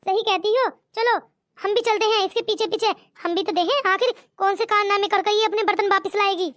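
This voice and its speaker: A woman's voice: very high voice, fairly even intonation, fairly quick, a bit bright, dry recording, studio quality. A woman voicing a nosy female sidekick in a cartoon, eager to follow along.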